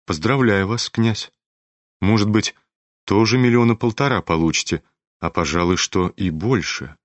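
A male reader voicing a calm, businesslike moneylender who explains matters in a measured, matter-of-fact way in an audiobook. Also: on the low side, no echo, natural voice.

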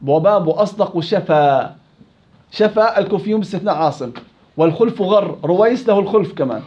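High-voiced recitation teacher. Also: male voice, expressive. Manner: corrective, repeats syllables to demonstrate sounds; slow, drawn-out recitation of verses. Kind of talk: tajweed lesson with students. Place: classroom with students. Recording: dull lo-fi recording.

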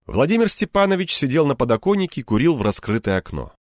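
A man's voice: medium pitch, big pitch swings, fast, dry recording, studio quality. A man narrating an audiobook in the first person, in a wry, conversational storytelling manner.

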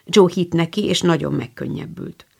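A woman narrating a classic novel as an audiobook in a calm, even reading voice. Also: fairly low pitch, creaky, husky. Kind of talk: scripted storybook narration.

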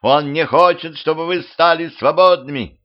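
A man's voice: fairly high pitch, unhurried, clear, resonant tone, highs cut off, pitched above the performer's own voice, close to an everyday voice. A man voicing a scheming female ruler of monsters, commanding and shrieking, in a home audiobook.

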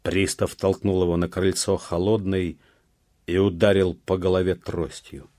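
Медленный низкий мужской голос чтеца. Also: male voice, low voice, level tone, mellow, no echo, clean studio sound. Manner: measured, slow, dramatic. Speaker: audiobook reader. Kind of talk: scripted literary narration.

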